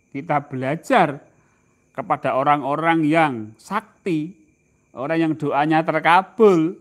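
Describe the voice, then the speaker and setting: A man with a Javanese accent leads an informal religious study session. His voice sits high and leaps up and down with emphasis. He talks slowly, stretching key words, and turns to his listeners with questions. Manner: asks the audience questions, drawn-out emphatic phrasing. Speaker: religious teacher. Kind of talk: informal religious lecture to a live group.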